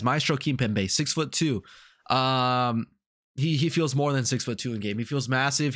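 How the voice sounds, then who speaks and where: Sounding stuffed up from a cold, a man gives laid-back video game commentary for his YouTube channel, wandering off track, repeating himself and filling gaps with fillers. He has a mid-range voice with a fairly bright tone.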